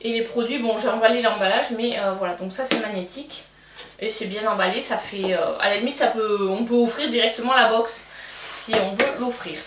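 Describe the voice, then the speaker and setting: A woman's voice: a little high, brisk, noisy background. A young woman with a French accent reviewing a beauty box in a chatty way, full of fillers and restarts. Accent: French, self-described accent. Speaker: beauty vlogger. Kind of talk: casual unboxing review. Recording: echoey room, from a distance.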